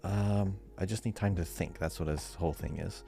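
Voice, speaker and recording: Deep, creaky, and dark, this man's voice holds a steady tone at normal speed. As co-host and quizmaster of a podcast, he talks in a relaxed, conversational style while faint music plays in the background.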